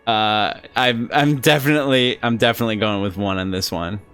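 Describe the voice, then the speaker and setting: A man chatting casually with his viewers during a live game stream, halting and talkative. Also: fairly low pitch, steady tone, fairly bright tone, clean tone, soft background music.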